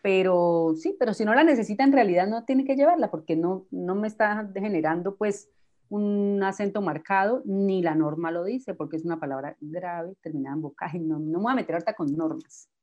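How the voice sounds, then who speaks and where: A woman, a teacher invited as a guest, patiently explaining spelling rules with examples in a relaxed talk. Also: lowish voice, fairly quick, highs cut off.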